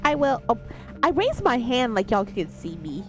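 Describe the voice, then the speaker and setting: A woman's voice: fairly high pitch, sing-song, moderate pace, a bit bright, faint music behind. A woman playing a tabletop game with brash, playful casual banter. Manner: brash, profane.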